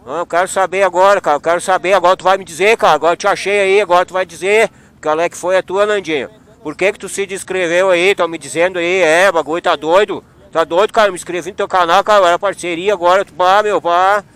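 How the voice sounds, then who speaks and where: A man's voice: high voice, fairly even intonation, fast talker, a bit bright, clean tone. A man speaking, vlogging outdoors at a motorcycle meetup and teasing friends in a joking mock confrontation. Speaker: motovlogger. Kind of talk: casual vlog chat.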